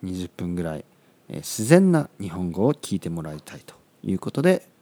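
Man, podcast host, soft and quiet, sore throat, lively pitch, slow simple speech. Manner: speaks softly, frequent "ne" tags, repeats phrases. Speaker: podcast host for Japanese learners. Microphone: studio microphone, seated.

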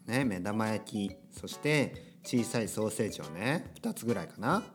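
A man's voice: lowish voice, animated, normal speed, soft background music. A man in his thirties hosting a Japanese-learning podcast, talking unscripted and rambling off topic at home while the washing machine runs. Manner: rambling, drifts off topic, tags sentences with "ne". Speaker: podcast host teaching Japanese. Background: washing machine running.

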